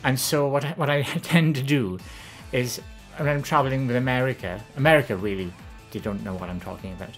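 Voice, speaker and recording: Speaking a little fast with few pauses, this Valleys woman from Wales answers viewer questions casually on a live stream, faint music in the background. Her voice is gentle, soft and low, less feminine in tone, and she rambles with frequent ums and self-corrections.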